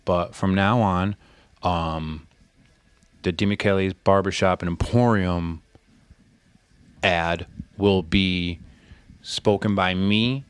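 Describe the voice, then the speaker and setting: A man's voice: low voice, steady tone, slow pace, long pauses, smooth, no echo. Laid-back, profane podcast host man. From Connecticut, USA. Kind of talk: casual podcast chat.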